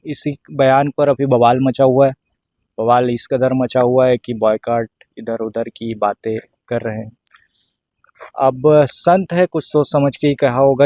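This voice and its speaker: A man's voice: mid-range voice, dark tone, dry recording. Hesitant male panel guest. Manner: hesitant, restarting, explanatory. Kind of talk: discussion commentary.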